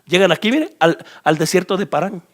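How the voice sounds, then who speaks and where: High-pitched and fairly quick, the man preaches a sermon in the accent of his native Guatemala. He talks straight to the people listening, animated, pointing out spots on a map.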